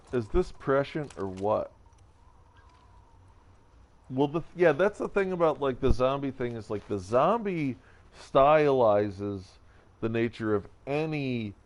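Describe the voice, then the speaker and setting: A man streaming a video game, rambling and joking about whatever comes to mind with self-mocking asides. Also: mid-range voice. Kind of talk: casual let's-play commentary.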